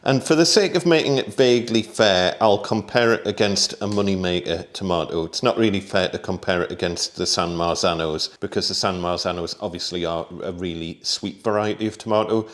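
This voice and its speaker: A British man hosting a casual gardening vlog, chatty and relaxed, thinking aloud with small asides and talking while he tastes food. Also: sits low, fairly quick, few pauses. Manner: talks while tasting food. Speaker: gardening vlogger.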